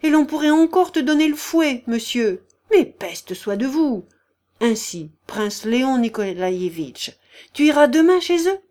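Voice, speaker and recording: A woman reading an audiobook, voicing a domineering older noblewoman who scolds in shrill outbursts. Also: animated, measured pace, a little mellow. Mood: furious. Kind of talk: audiobook character voice.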